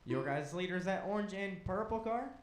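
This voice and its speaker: High-voiced man calling a race. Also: lively intonation, roomy sound. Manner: brisk, clipped commands and standings. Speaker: race director. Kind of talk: live race calling over a PA.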